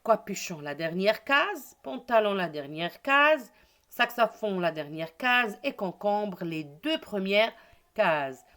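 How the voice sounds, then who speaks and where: A woman teaching a children's reading lesson, sounding out words slowly and asking pupils to repeat after her. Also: medium pitch, sing-song, pushed and bright.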